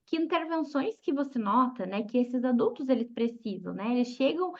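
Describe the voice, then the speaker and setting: A Brazilian woman with a somewhat high voice hosts an interview, thinking aloud and tagging sentences with "né?". Her audio is dull and lo-fi, like a video call. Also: lively intonation, moderate pace. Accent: Brazilian Portuguese. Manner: frequent "né?" tag questions, reflective. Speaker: host, psychologist. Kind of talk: interview conversation.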